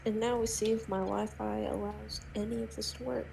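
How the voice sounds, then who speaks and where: A woman's voice: mid-range voice, flat delivery, brisk, creaky, noisy background. A woman chatting casually as a player in an online game voice chat.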